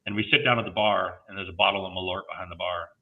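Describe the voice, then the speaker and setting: A man's voice: deep voice, flat delivery, racing, vocal fry. A man guest telling playful stories with frequent laughs on a video call. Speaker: guest, tiki designer. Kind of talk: casual video-call chat. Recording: tinny phone-like line.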